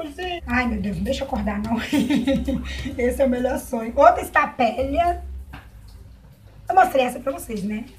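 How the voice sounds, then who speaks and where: A Brazilian woman with a high, bright-sounding voice chats casually while unboxing plants, gushing and exclaiming over each one. Soft music plays faintly underneath her. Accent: Brazilian Portuguese. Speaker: plant vlogger.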